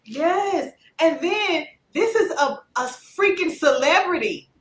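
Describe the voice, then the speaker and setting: A woman in her forties hosting a casual gossip commentary, talking in an animated, emphatic way. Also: slow. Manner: animated and emphatic, drops low when doubtful. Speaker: channel host. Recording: roomy echo.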